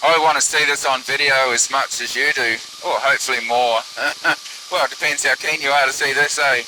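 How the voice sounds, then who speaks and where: A microlight pilot records his own flight in the open aircraft, musing casually aloud through his headset in a radio-like sound. He has a mid-range voice at a moderate pace, and the audio is poor, with constant engine noise and wind hiss.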